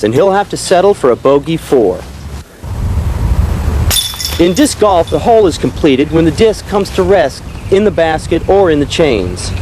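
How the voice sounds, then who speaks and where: Higher-pitched male golf commentator, lively intonation. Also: noisy background. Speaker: disc golf tournament commentator. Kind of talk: golf-style play-by-play commentary.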